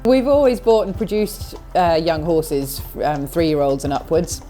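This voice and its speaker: With faint music in the background, a low-pitched middle-aged woman from a Scottish upbringing, who competes as an event horse rider, answers questions in a filmed interview. She is relaxed and thoughtful and uses many pauses and fillers.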